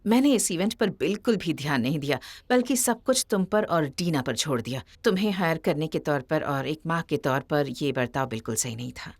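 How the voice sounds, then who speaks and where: An actress dubbing an older widowed mother who speaks slowly and haltingly, with heartfelt pauses. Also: low voice, expressive. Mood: remorseful. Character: widowed mother and magazine head, proud but remorseful. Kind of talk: Hindi movie dub. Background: background music.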